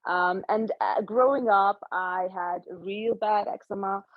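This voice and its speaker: A woman in her thirties, from Hungary, telling her story as a guest in a conversational interview, thoughtful and pausing with soft laughs. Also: medium pitch, steady tone, dry recording, highs cut off. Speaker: guest, nutritional therapist.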